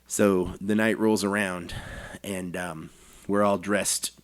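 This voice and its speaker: A man's voice: low-pitched, slow. A man in his forties, a podcast co-host, telling a long anecdote in casual chat. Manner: animated anecdote telling with acted quotes and laughs.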